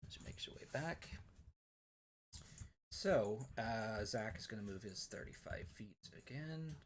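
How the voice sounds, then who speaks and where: Male game master, low voice, casual rambling narration, faint hiss. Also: animated, slow. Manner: loose, filler-heavy narration.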